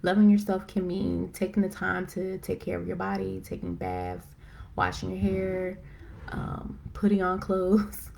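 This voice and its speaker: A woman hosting a live stream, chatting casually and excitedly with lots of fillers, rambling as she goes. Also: fairly low pitch, creaky, a little hiss or hum. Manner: excited, self-described as talking fast. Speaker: host of a live video chat. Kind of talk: casual faith-based chat. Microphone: phone or computer for a live stream.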